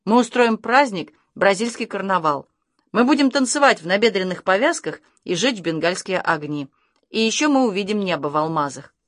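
A woman's voice: mid-range voice, lively intonation, moderate pace, a bit bright, dry recording, clean studio sound, lightly acted. A woman voicing a sentimental, eccentric male artist in a storybook, with a gushing, pleading manner.

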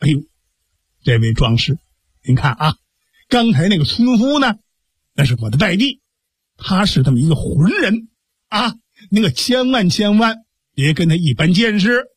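A man's voice: high-pitched, sing-song, normal speed, pauses often, husky, no room sound, heavily acted. A man playing a courteous, apologetic innkeeper. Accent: Beijing. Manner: polite, apologetic.

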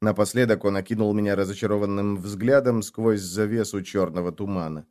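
A man's voice: on the low side, fairly even intonation, a little fast, darkish tone. A man narrating a fantasy audiobook in the first person, reading dramatically.

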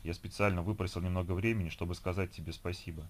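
Calm young guy, soft and gentle, very low voice, man reading him. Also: fast talker, slight background noise, close to an everyday voice. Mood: serene. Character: young man, calm and serene, saying farewell.

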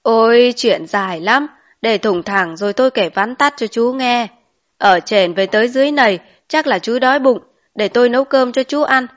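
A woman's voice: on the high side, normal speed, natural voice. A woman voicing a talkative rural mother of five in an audiobook, with a chatty, exclaiming manner. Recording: dull lo-fi recording.

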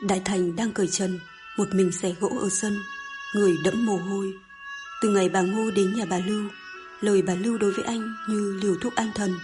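A woman narrating a novel in an even, measured storytelling manner. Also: mid-range voice, music in the background. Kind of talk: scripted audiobook narration.

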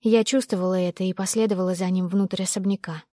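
A woman's voice: mid-range voice, fairly even intonation, fast, mellow, dry recording. Female audiobook narrator, dry close sound. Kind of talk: first-person novel narration.

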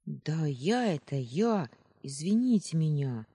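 A man's voice: on the high side, sing-song, slow pace, breathy edge, exaggerated voice. A man doing a cheeky defiant boy. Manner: defiant, shouting back. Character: cheeky hot-headed young boy.

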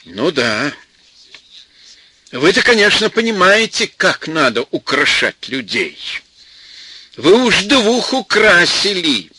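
A man voicing a hot-tempered, defiant young village man who shouts back at his mother-in-law. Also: a little high, animated, unhurried, husky, dry recording, voice pushed up, full character voice.

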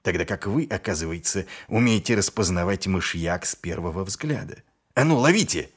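A man voicing a gruff, sly middle-aged male watch commander who speaks with dry, mock-innocent menace. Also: sits low, lively intonation, normal speed.

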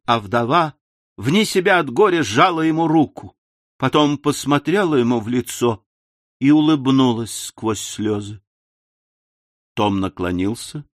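A man's voice: medium pitch, no room sound. A male audiobook narrator with a mid-range voice tells the story at an easy pace, dropping into confiding asides to his listeners. The sound is dry and close, with no room around it. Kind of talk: scripted literary narration.

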